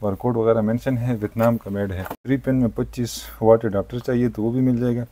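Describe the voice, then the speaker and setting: A man, a shopkeeper demonstrating gadgets in a market shop. He talks in a brisk salesman's patter and keeps using polite forms of address. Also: medium pitch, steady tone, dark tone. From Pakistan. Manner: brisk salesman patter, frequent "thik hai" and "janab-e-wala". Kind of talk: product demonstration sales pitch.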